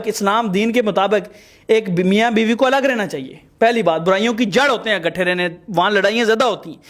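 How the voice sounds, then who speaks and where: A man with a fairly high voice hosts and mediates a heated couple's dispute. He talks emphatically, lecturing both sides and turning to his viewers. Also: fairly bright tone. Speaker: host. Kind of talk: mediating a marital dispute on camera.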